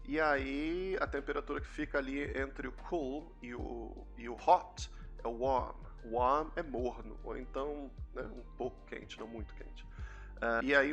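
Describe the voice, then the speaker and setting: Brazilian man, young adult, chatty English teacher, bright clear voice, faint music underneath. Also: medium pitch. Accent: Brazilian Portuguese. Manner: chatty, explains with repeated examples. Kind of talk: casual YouTube English lesson.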